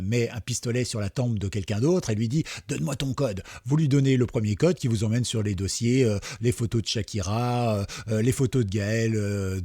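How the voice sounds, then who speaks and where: Guy chatting through a software tutorial, lots of euhs and jokes, kinda husky. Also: mid-range voice, dry recording, clean studio sound. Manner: chatty, jokey, lots of fillers and asides. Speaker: tech tutorial host. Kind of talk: casual screen-recorded tutorial.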